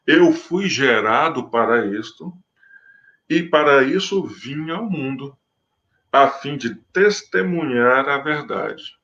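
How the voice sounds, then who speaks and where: A man reading aloud the words of Jesus, a calm, solemn prisoner, in a slow, measured way. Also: mid-range voice, muffled recording, exaggerated voice.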